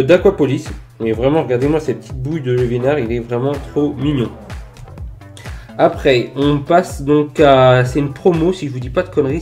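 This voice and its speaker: A male YouTuber shows off his flea-market finds in a casual collector vlog, speaking at mid pitch in a slightly mellow tone. He's chatty and enthusiastic, full of fillers and "voilà," recorded indoors under filming lamps on a desk mic near the camera, with faint music underneath.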